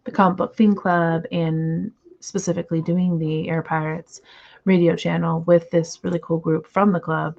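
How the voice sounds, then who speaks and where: Woman w a lowish slightly hoarse voice just chatting about comics on her stream, lots of ums, kinda dull lo-fi audio. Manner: rambling, filler-heavy, self-deprecating; naturally fast talker trying to slow down. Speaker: comic book reading stream host. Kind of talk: casual livestream chat.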